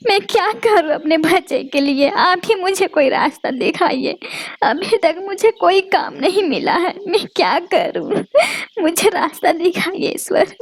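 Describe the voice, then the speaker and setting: A woman's voice: very high voice, heavily acted. A woman voicing a poor, anxious mother sparrow in a cartoon, emotional and pleading. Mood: pleading prayer. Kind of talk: Hindi cartoon voice acting.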